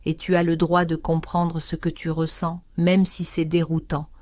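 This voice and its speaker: A calm, resigned aunt in her sixties, as a woman narrator puts her on, speaking low and steady in an audio story. Her tone is dark and mellow, and it sits dry and close to the mic. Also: no room sound, natural voice. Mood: calm intimate. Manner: calm, measured, intimate. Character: 65-year-old aunt, calm, resigned, insistent.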